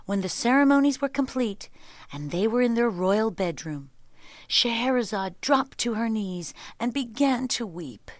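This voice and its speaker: A woman narrating a children's story in an expressive storybook manner. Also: on the high side, a little slow, dry recording.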